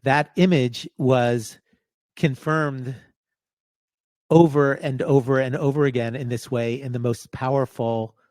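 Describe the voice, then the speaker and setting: A middle-aged man being interviewed as a professor, speaking gravely in halting bursts, restarting phrases as he searches for words. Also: mid-range voice, darkish tone, no room sound. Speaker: guest, professor. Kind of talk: remote interview conversation.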